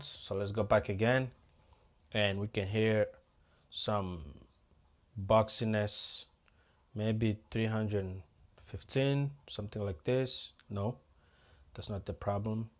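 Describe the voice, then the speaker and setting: A man with a somewhat low voice walks viewers through a live audio setup. His talk is casual and hands-on, thinking aloud step by step as he tweaks the gear and calls his viewers "guys.". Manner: talks straight to viewers as "guys". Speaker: audio-visual technician. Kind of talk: hands-on tutorial.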